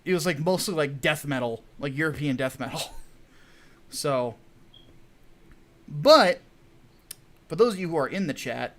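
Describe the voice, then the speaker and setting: A man hosting a casual livestream for his comic launch, excitable, laughing often and swearing freely. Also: fairly high pitch, measured pace, long pauses, slight background noise. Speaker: comic book writer hosting a launch stream.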